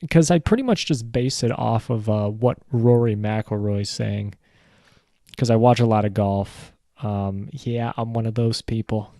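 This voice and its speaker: A man's voice: lowish voice, unhurried, mellow, no echo. A man hosting his own show, rambling through a casual solo rant, joking around and swearing freely. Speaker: podcast host.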